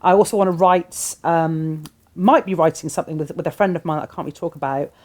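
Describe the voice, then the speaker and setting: Seated on a sofa in a small studio, a middle-aged British woman who performs cabaret gives a candid, animated interview. She talks fast in a deep voice with a darkish tone.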